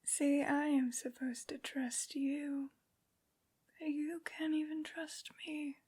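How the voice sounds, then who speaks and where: A woman voicing a haughty, menacing aristocratic vampire lady in a breathy, whispered ASMR roleplay, with slow, condescending phrasing. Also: sits high, steady tone, darkish tone. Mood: scornful. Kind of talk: soft-spoken ASMR villain roleplay.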